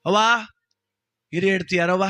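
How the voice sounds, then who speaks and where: A man's voice: high-pitched, monotone, normal speed, a bit bright, no room sound. A man with a Mandya Kannada accent voicing a wily village man who soothes and coaxes others in a sly, reassuring way. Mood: coaxing.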